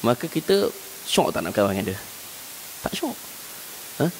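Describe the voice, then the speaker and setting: A male religious teacher with a Malaysian Malay accent gives an evening lecture in a mosque prayer hall. His pitch sits in a middling range, and he tells stories by acting out everyday scenes with chuckles. The recording has a long hall reverb and a faint hiss underneath. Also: big pitch swings, moderate pace. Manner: voice rises sharply when driving a point home.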